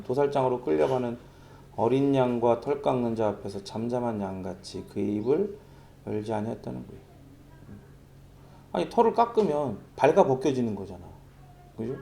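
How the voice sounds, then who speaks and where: A man's voice: mid-range voice, vocal fry, dark tone, a little hiss or hum. A middle-aged man preaching a sermon as pastor, talking in a conversational, storytelling way. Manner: conversational, storytelling with vivid sound imitations.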